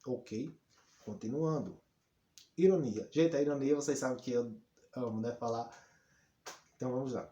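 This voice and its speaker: Teacher who questions himself aloud. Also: male voice, mellow, echoey room. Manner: asks and answers his own questions, lots of rhetorical questions; acts out example lines in a higher voice. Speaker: Portuguese teacher. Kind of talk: lively explanatory lesson.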